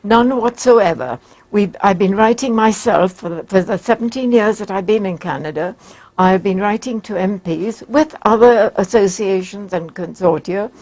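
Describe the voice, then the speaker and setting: A woman, a very old woman speaking formally and haltingly in a studio interview. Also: medium pitch, darkish tone, poor audio. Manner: halting, formal, carefully worded. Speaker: campaigner interviewed as guest. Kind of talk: broadcast interview. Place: broadcast studio.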